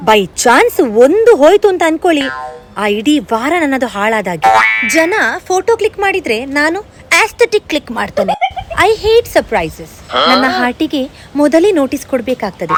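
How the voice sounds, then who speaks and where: A woman's voice: high-pitched, heavy background noise. A woman playing a vain, fussy, overly sensitive young woman in a comedy sketch, talking in an affected, dramatic way and mixing English in.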